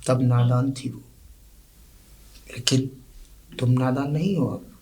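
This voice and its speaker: An actor playing a proud, contemptuous landowner father who delivers slow, weighty warnings. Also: mid-range voice, steady tone, a little mellow. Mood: stern. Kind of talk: low-budget film drama acting.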